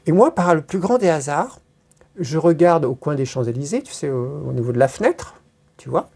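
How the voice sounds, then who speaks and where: A woman's voice: low-pitched, animated, normal speed, mellow, breathy edge. A woman being interviewed, telling stories in a rambling casual way, with many hesitations and crude slang. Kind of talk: casual storytelling.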